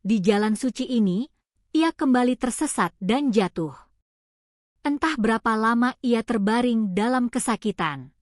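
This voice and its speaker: A woman reading a scripted story in a calm, steady storytelling voice. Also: a little high, no room sound, studio quality. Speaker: narrator.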